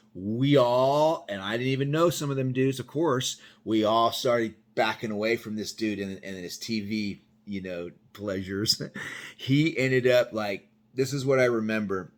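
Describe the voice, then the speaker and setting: A man telling a personal story in a loose, rambling way, full of "you know" and "bro.". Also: on the low side. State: sweaty after yard work. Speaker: vlogger telling personal stories. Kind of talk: casual spoken storytelling.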